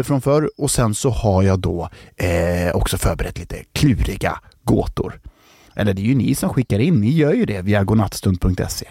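A man's voice: mid-range voice, creaky, darkish tone, no room sound, studio quality. A man hosts a children's bedtime show. He rambles playfully, tells jokes and corrects himself. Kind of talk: playful storytelling and joke-telling.

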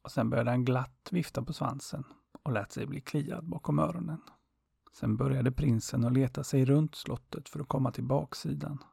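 A man narrating a fairy tale in a calm, unhurried, softly expressive way, with a husky voice. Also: mid-range voice, no room sound, clean studio sound. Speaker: storyteller.

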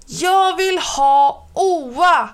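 A woman's voice: high voice, expressive, voice pushed up. Woman doing a wailing little girl. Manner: wailing, drawn-out crying shouts. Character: small upset girl, clingy and stubborn.

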